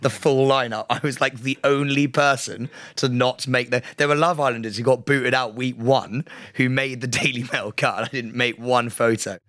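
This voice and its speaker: A young British man co-hosting a podcast, chatting casually and swearing freely, with his voice jumping high when he gets excited. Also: moderate pace, dry recording, studio quality. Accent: British English. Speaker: podcast co-host. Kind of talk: casual banter.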